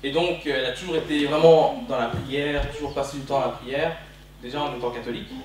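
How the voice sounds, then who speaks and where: Here the preacher's voice sits at medium pitch, steady in tone and quick in pace. He is a twenty-something man from Belgium giving a passionate, emphatic sermon that relies on repeated phrases at a church hall service. A distant mic records it with lots of echo.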